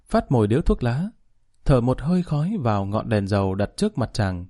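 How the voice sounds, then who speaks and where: A man's voice: medium pitch, very animated, brisk, warm tone. Man narrating a gangster story. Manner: voices gangster dialogue in turns. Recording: faint guitar music behind.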